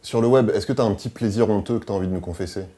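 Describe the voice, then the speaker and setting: A man's voice: lowish voice, racing, breathy edge. A man interviewing a guest, asking short teasing questions. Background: loud music.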